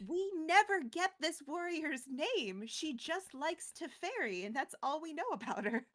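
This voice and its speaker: A woman co-hosts a casual recap of a fantasy card game story, telling it playfully and acting out quotes and sound words. Her high-pitched voice is very animated and fairly bright, and she takes her time.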